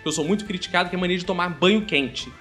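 A man's voice: high voice, very fast, faint music behind. A man with a Brazilian Portuguese accent, joking and teasing in a casual group chat. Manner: lively and joking, teases the others.

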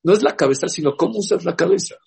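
A man's voice: high-pitched, expressive, fast, vocal fry, darkish tone, breathy edge, poor audio. A man giving a rabbi's class, telling stories and putting questions to his listeners. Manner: storytelling, asks the class questions. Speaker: rabbi teaching a Torah class. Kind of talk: lively religious class talk.

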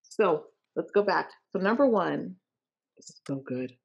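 A woman's voice: on the low side, lively intonation, a little slow, vocal fry, a little mellow, slightly rough, dull audio. A woman coach hosting an interview, encouraging and repeating key phrases for emphasis. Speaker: life coach and podcast host.

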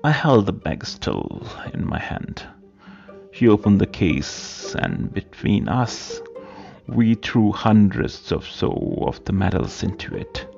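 Male reader for a period story audiobook, very gravelly and slow, dull lo-fi sound with soft music underneath. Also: lowish voice, big pitch swings. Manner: slow, halting delivery with repeated words. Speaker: narrator.

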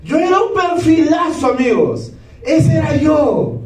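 A man in his thirties giving a lively motivational talk, keeps asking the audience yes or no. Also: very high-pitched, unhurried. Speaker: motivational speaker. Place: large hall with a live audience. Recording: echoey hall, speaker far from the mic.

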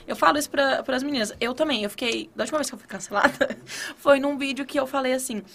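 A woman's voice: high voice, fast, creaky, fairly bright tone. A woman in casual chat, speaking emphatically and swearing casually. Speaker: online entrepreneur and teacher.

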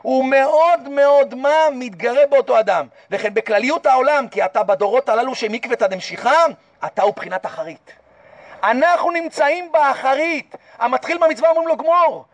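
Recorded from a distance with no room sound, a man with an extremely high-pitched voice delivers a passionate Torah sermon as a rabbi. He urges his listeners on with impassioned, repeated calls and rhetorical questions.

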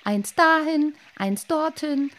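A woman's voice: sits high, animated, takes it slowly, fairly bright tone, voice pushed up, heavily acted. Woman voicing a gloating, spiteful fish. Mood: mocking. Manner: wheedling, mocking. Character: sly, gloating many-eyed fish, pushy and spiteful.

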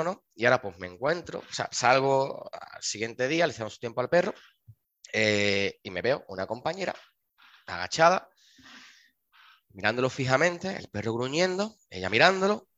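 A man talks quickly and casually about his shelter work, acting out the dialogue of his stories. His voice sounds dry and close, with a slightly dull, lo-fi tone. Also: fairly low pitch, no room sound. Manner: animated, acts out dialogue in his anecdotes. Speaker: dog shelter worker. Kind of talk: casual chat, storytelling.

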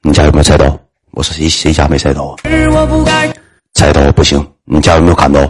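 Man voicing a scared fat man, Northeastern Chinese accent, low murmuring, urgent, husky. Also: little pitch movement, fairly quick, faint music behind. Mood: frightened. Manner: hushed, urgent. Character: frightened fat man hushing and whispering.

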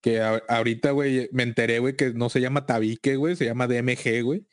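A man's voice: medium pitch, no room sound, clean studio sound. A Mexican man chatting casually in laddish, profane bro slang. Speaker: video game collector. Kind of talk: casual chat.

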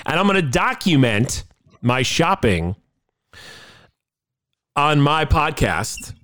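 Man, podcast host, animated pitch, dry sound, exasperated, casual banter. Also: takes it slowly, dry recording. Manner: exasperated, laughing often, animated. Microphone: podcast mic.

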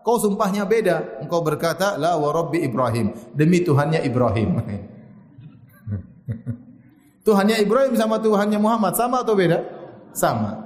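A man's voice: on the high side, unhurried, pauses often. Man preaching in an echoey hall. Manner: lively storytelling with Arabic quotes and jokes. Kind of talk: sermon.

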